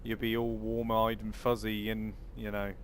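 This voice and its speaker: A man's voice: lowish voice, completely flat delivery, normal speed. A man from Cornwall with a Cornish accent, chatting in an easygoing, rambling way as he livestreams a game. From Cornwall, southwest England. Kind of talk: casual chat over gameplay. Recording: clear background vehicle noise.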